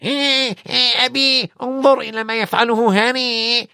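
A man's voice: very high voice, level tone, moderate pace, creaky, pushed and bright, smooth, no room sound, studio quality, voice pushed up, exaggerated voice. A man voicing a spoiled, demanding young boy with a whiny voice.

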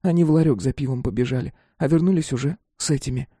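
A man voicing a quiet, shaken teenage girl who speaks softly in an audiobook. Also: mid-range voice, fast, slightly rough, no room sound, studio quality, pitched above the performer's own voice, lightly acted. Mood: subdued. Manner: soft and subdued.

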